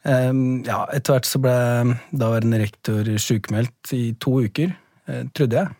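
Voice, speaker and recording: A man who works as a school principal, talking through his ideas in a podcast interview. He speaks in a measured, thoughtful way with many pauses and fillers, and his voice sits at an ordinary middle pitch. The sound is close and dry, with no room echo. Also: darkish tone. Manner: thoughtful, hesitant with frequent fillers.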